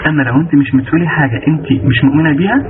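Quick Egyptian man teaching over a tinny line. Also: on the high side. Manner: lively, rhetorical questions he answers himself. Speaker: religious lecturer. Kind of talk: motivational religious lesson. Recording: tinny phone-like line with noise.

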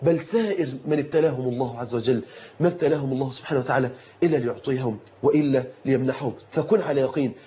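A man preaching a sermon with an Egyptian accent, fervent and emphatic, repeating his phrases for force and rising at times to shouts. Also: mid-range voice, racing. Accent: Egyptian Arabic. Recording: dull lo-fi recording.

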